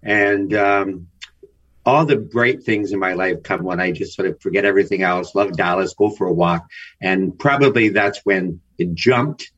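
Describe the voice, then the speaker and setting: A man's voice: low-pitched, moderate pace, fairly bright tone. An older man from Canada, a guest author, talking reflectively as a storyteller with fillers in an interview. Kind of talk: interview conversation. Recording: dull lo-fi remote audio.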